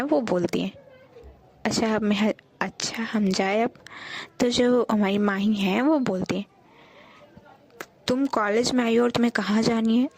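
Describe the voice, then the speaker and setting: A woman narrates an audio love story in a casual, chatty manner, frequently talking straight to her listeners. Her mid-range voice is a little mellow with a breathy edge.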